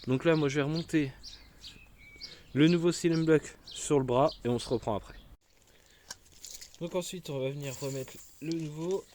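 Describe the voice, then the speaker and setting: A man's voice: fairly high pitch, moderate pace, pauses often, darkish tone, a little hiss or hum. Casual man explaining car repair. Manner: informal, slangy, addresses viewer as "tu". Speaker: car mechanic tutorial host.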